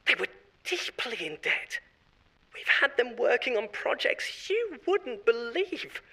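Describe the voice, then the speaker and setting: A voice actor performs a panicked, self-serving male corporate marketer who shifts blame in a horror audio drama, delivering a wheedling, defensive monologue with nervous laughs. He uses a high, sharp-toned full character voice, and the recording quality is low.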